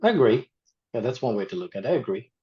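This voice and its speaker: Speaking fast in a slightly rough, lowish voice, the e-commerce marketer is a young Nepali man with a Nepali accent appearing as an interview guest. He keeps it casual and candid, sprinkling in plenty of "like" and "you know," and the recording sounds dull and lo-fi.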